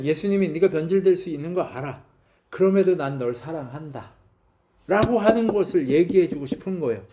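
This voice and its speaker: Man preaching, pastor, sermon in church, fairly high voice, mellow, asks the congregation questions. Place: church sanctuary.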